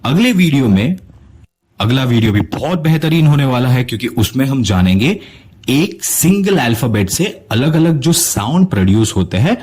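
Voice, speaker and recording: A man teaching English pronunciation to viewers in a recorded lesson, slowly sounding out each word and encouraging them to keep practicing. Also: mid-range voice, big pitch swings, darkish tone, breathy edge. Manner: encouraging, addresses viewers directly.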